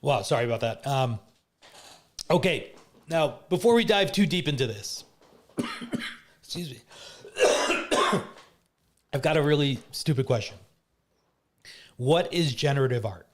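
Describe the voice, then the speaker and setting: Friendly guy moderating, mid voice, excited to get going. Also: medium pitch, a little slow, long pauses. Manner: enthusiastic, friendly. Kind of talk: moderating a panel.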